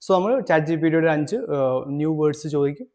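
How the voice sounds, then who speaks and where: A man from Kerala hosting a language tutorial, talking quickly in a slightly high voice. He explains each step steadily, then slows down to read his English prompts. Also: a little mellow. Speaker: English teacher, channel host.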